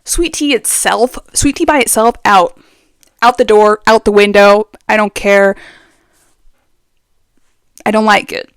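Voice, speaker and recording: A young woman talks casually to her viewers, opinionated and chatty with lots of fillers. She sits right up on the microphone, so her voice sounds dry and intimate with no room around it. Her pitch sits in the middle for a woman. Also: fairly even intonation, a little slow, long pauses, clear, resonant tone, no echo. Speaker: vlogger. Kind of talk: casual chat. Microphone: very close to the mic.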